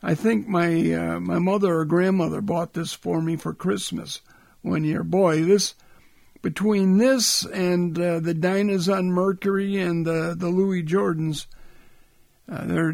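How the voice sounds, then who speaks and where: A man's voice: sits high, creaky, a little mellow, no echo. A man hosting a radio show, talking between records in an easygoing, conversational way into a close studio mic. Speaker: radio host.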